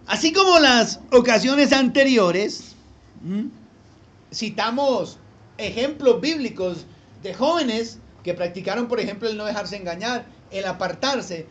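A man's voice: high voice, expressive, measured pace, fairly bright tone, highs cut off. A man preaching a sermon as pastor, throwing rhetorical questions at his congregation. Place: church hall with congregation.

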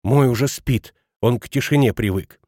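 A man reading an audiobook, voicing an irritable village woman who hushes others sharply. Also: medium pitch, normal speed, dry recording, studio quality, natural voice. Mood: irritated. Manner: sharp, hushing.

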